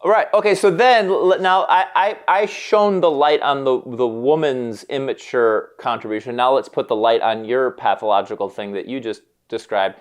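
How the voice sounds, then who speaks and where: A man's voice: mid-range voice, moderate pace, hardly any pauses. A man co-hosting a candid conversation, explaining in a frank, casual way and acting out the voices he quotes. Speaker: podcast co-host, therapist.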